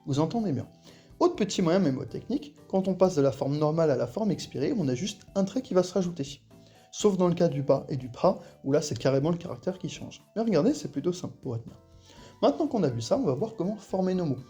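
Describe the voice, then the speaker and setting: A language teacher giving a patient, step-by-step lesson, repeating sounds slowly for the listener to copy. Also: medium pitch, animated, warm tone, soft background music. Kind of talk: explanatory lesson voice-over.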